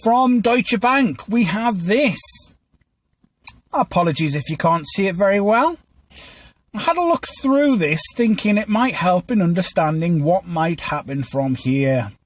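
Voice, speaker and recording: A man with a notably high voice presents news commentary in a dry, close recording. He reads from a script like an inexperienced teleprompter reader, slightly stilted and stumbling now and then. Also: no echo. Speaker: podcast host.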